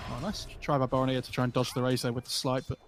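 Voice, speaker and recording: A man's voice: mid-range voice, flat delivery, very fast, noisy background. A man giving color commentary on an esports match, rambling through analysis and correcting himself.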